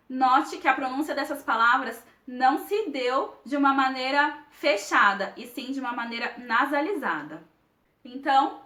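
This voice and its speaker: A young woman with a Brazilian accent explains grammar in a clear, deliberate teacher's voice. Her voice is high and bright. The room around her echoes. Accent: Brazilian Portuguese. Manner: clear, deliberate, stretches example words slowly. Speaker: Portuguese teacher. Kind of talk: grammar lesson.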